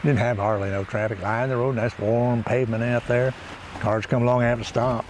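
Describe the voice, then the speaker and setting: A man's voice: medium pitch, level tone, a little fast, darkish tone, a little hiss or hum, close to an everyday voice. A man playing a folksy, cranky backwoods character, rambling through a comic monologue outdoors by the water. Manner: meandering, folksy, chuckling to himself. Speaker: comedy monologue host.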